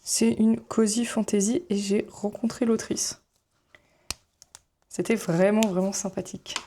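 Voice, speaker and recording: Chatty young woman with a mellow voice. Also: mid-range voice, steady tone, a little slow. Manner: chatty and rambling, with many fillers and self-corrections. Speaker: student vlogger. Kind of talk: casual chat while flipping through notebooks.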